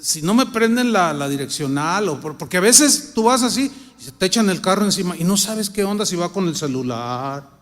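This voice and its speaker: A middle-aged Mexican man preaching a sermon, telling everyday stories with humor and acting out his own thoughts, then reading scripture more slowly and loudly. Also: high voice, expressive, long reverb tail. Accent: Mexican Spanish. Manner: reads scripture louder and slower. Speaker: pastor.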